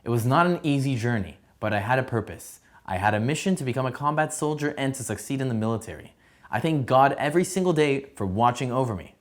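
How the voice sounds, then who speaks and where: A young man from San Diego, a soldier, reading his personal testimony in a steady, earnest way. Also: mid-range voice, quick pace. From San Diego, USA. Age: young adult. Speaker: soldier telling his story.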